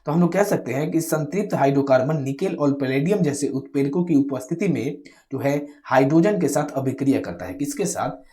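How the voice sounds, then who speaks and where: A man's voice: mid-range voice, warm tone. A man teaching exam science questions, asking rhetorical questions and answering them himself, addressing his viewers directly. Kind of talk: exam question walkthrough lesson.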